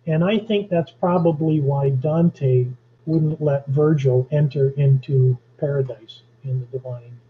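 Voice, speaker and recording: This Canadian lecturer explains poetry and history online with humorous asides, his fairly high voice unhurried. The video call mic gives the recording a dull, lo-fi quality.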